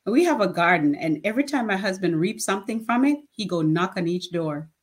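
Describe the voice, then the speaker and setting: A woman's voice: medium pitch, animated, fairly quick, slightly rough. A woman, speaking plainly and emphatically as a nonprofit founder in an interview. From Jamaica. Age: 50s. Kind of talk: casual interview talk.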